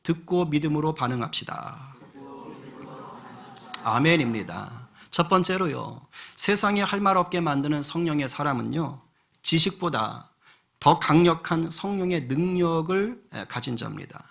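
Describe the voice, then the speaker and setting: A middle-aged male pastor preaching a sermon in a church, his voice somewhat husky and pitched a little high. He drives his points with rhetorical questions, swinging between fervent outbursts and quieter asides. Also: expressive, unhurried. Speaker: senior pastor. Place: church sanctuary.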